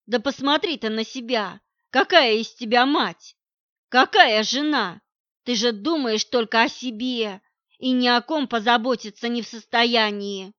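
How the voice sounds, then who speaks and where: A woman's voice: fairly high pitch, measured pace, a bit bright, no echo. A woman reading an audiobook, voicing a man who scornfully and coldly rejects his partner in a harsh, cutting way. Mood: angry scorn. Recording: dull lo-fi recording.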